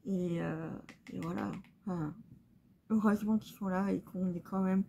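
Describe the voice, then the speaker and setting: A young woman talking casually while doing her makeup at home, soft-spoken and halting, full of pauses and fillers. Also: mid-range voice, fairly even intonation, vocal fry, a little hiss or hum. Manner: hesitant, halting, many fillers; soft and subdued. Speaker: beauty vlogger. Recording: slightly dull recording, faint room ambience.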